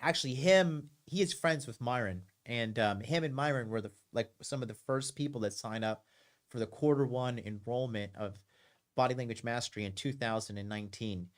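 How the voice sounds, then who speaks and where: A man's voice: medium pitch, moderate pace. Late 30s guy hosting a call-in show, keeps saying okay, pushy and emphatic. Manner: emphatic, repeats himself, says okay a lot. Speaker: call-in show host and dating coach. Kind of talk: casual call-in advice talk.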